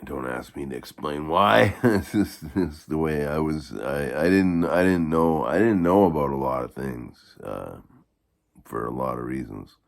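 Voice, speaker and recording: A man with a gravelly voice giving a rambling, halting, casual product review in the manner of a video blogger. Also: extremely low pitch, expressive. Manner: halting, rambling delivery with repeated false starts.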